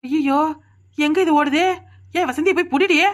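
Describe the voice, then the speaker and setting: A woman voicing a sharp-tongued young village woman in a cartoon comedy, sarcastic and irreverent, with a Kanyakumari Tamil accent. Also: sits high, normal speed, natural voice. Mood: scared. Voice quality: sarcastic, mouthy.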